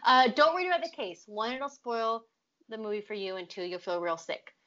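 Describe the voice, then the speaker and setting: A woman's voice: fairly high pitch, sing-song, moderate pace, pushed and bright, lo-fi sound. A woman hosting a casual trailer-reaction chat, wry and calling herself a pessimist. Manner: wry, self-described pessimist. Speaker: host.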